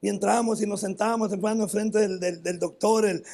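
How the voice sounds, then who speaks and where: Speaking in a high-pitched, creaky, slightly mellow voice with fairly even intonation, a man with a northern Mexican accent delivers a church sermon with personal testimony. He repeats "hermano" often, addressing the congregation as brother, and stops to restart his phrases.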